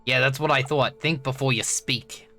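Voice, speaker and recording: A man's voice: mid-range voice, fairly even intonation, normal speed, bright, forceful tone, faint music behind, close to an everyday voice. A man voicing a sassy tiny stuffed-toy magical companion with a brash, cheeky, informal manner in a tabletop game. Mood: indignant, brash. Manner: brash, informal wisecracks, calls master boss.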